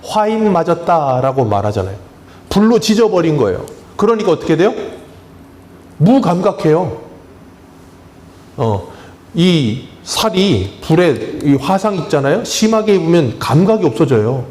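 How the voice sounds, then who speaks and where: A male pastor preaches in a church with a voice pitched a little high for a man, swinging up and down as he talks. He keeps putting questions to the congregation and answering them himself, in a chatty, humorous way. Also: big pitch swings, measured pace, darkish tone. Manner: conversational, plain-spoken preaching with touches of humor. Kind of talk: sermon. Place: church sanctuary.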